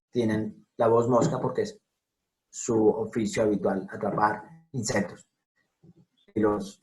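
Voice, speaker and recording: This rough recording features a darkish, lowish male voice lecturing over a video call. He explains the pronunciation of scientific names in a talk over slides, carefully spelling out each sound and saying it again.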